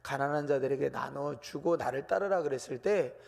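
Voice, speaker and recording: A man's voice: mid-range voice, normal speed, gravelly, a little mellow, in a large hall. A man preaching a sermon as pastor, patiently explaining a scripture text and addressing the congregation directly. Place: church sanctuary.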